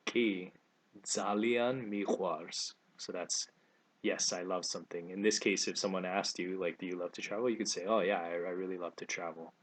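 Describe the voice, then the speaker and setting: A man giving a relaxed video lesson, saying each phrase twice, slowly and clearly. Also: low-pitched. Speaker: language teacher.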